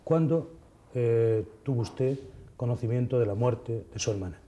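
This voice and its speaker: A man's voice: medium pitch, unhurried, dark tone, lo-fi sound, a little hiss or hum. A man with a Spanish accent hosting a TV show, formally introducing a guest and asking direct questions. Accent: Spanish from Spain. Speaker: TV host. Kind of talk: studio interview hosting.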